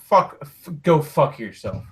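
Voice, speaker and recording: A man's voice: fairly high pitch, sing-song, takes it slowly, slightly rough. A man in his thirties in a casual group voice chat, teasing the others and cursing. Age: 30s. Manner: teasing, profane.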